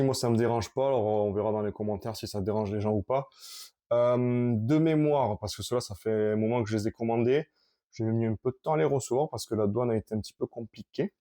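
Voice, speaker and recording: A man casually showing his collection on camera, talking in a halting, rambling way with many restarts. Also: medium pitch, dark tone.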